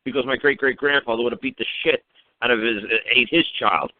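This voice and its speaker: On a narrow-band internet radio call, a talk show man rants informal advice at a caller. His voice is medium-pitched and fairly quick, and he's blunt and emphatic, swearing freely and throwing out mocking rhetorical questions.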